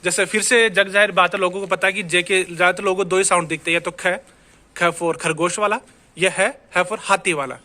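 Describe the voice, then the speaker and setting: An Indian man teaching a casual language lesson, his voice pitched high and his tone bright. He talks in a chatty way, repeats the words he teaches and keeps checking that the viewer is following. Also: steady tone, brisk. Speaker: Spanish teacher.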